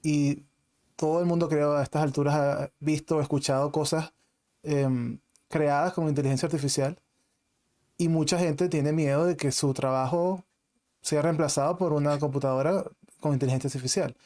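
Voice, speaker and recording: A man hosts a casual interview and asks curious, long run-on questions. His voice is a bit higher than most men's and has a mellow, dark tone. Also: steady tone, normal speed. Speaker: interview host.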